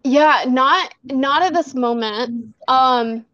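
A woman's voice: sits high, takes it slowly, a bit bright, no room sound. A woman talking as a guest in a casual interview, rambling through her explanations with plenty of fillers. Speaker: guest, bath box maker. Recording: dull lo-fi recording.

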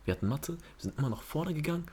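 A man's voice: fairly high pitch, rapid-fire, slightly rough. A young man hosting a casual podcast chat, telling slangy school stories and acting out the people he quotes. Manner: slangy, animated, acts out quoted teachers. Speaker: podcast host.

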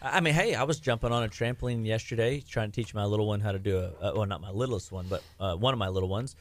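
A middle-aged man who works as a health practitioner chats casually on a podcast, rambling with plenty of fillers and false starts. His voice sits fairly low and moves fast, and the recording is dry.

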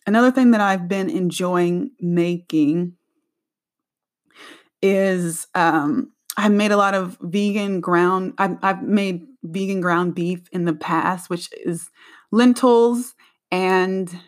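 A young adult woman hosting her own show in casual solo chat, talking in a chatty, animated way with laughing asides. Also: on the low side, slow pace. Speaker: podcast host.

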